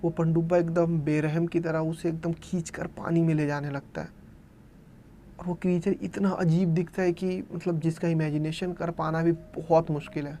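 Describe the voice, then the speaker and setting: Gravelly man telling a horror story. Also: fairly high pitch, level tone, moderate pace, mellow, slight background noise. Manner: retells events in present tense, dramatizing quoted cries. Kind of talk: casual spoken storytelling.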